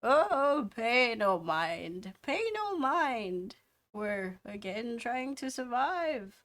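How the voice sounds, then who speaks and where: A woman voicing a very old, gentle male dwarf in a tabletop game. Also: on the high side, very animated, extremely slow, voice pushed up, exaggerated voice.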